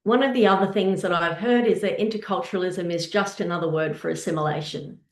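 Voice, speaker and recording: Earnest woman presenting, roomy echo. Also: on the low side. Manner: earnest, measured, posing rhetorical questions. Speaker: presenter on intercultural practice. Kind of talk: presentation with slides.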